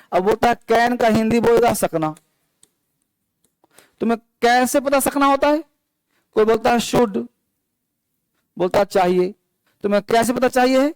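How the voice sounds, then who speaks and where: A male teacher with a high-pitched voice lectures a classroom, quizzing the children as he explains. The sound is close and dry, with no room echo. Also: a little mellow. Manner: addresses students as children, asks the class questions. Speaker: English teacher. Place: classroom with students, also streamed online.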